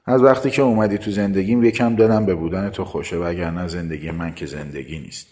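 A man voicing a tender young woman in a told story, pleading and sweet, with his voice lifted higher. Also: fairly even intonation, natural voice. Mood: weary. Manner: soft, sweet and coaxing.

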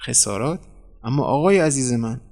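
A man voicing a calm, flattering newspaper editor who talks a painter into staying dead. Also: medium pitch, vocal fry. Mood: persuasive. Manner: cool, persuasive, flattering. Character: smooth, scheming middle-aged male newspaper editor.

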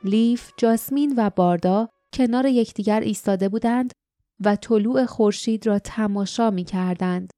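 Woman reading an audiobook, mellow voice, dry close sound, steady. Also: mid-range voice, no echo, soft background music. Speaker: audiobook narrator. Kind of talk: scripted narration.

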